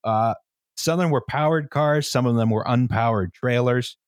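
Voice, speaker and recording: Podcast host, male, mid pitch, rambling explainer with lots of "right?", dry close mic. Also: normal speed, no echo. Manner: explains at length, tags lines with "right?", many fillers. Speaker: podcast host presenting the history. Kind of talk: casual history podcast chat.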